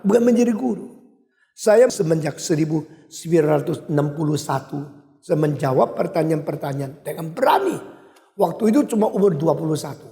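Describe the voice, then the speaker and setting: An older male pastor with an Indonesian accent preaching a sermon with emphatic swings in loudness. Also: sits high. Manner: emphatic, wide swings in loudness, switches briefly to English. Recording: echoey hall.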